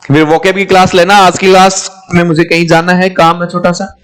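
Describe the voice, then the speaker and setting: Guy, high voice, lecturing students on grammar, keeps calling them my children. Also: level tone, fairly quick, a bit bright, clean tone. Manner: repeats questions to students, calls them "my children". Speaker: English teacher. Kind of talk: classroom lecture.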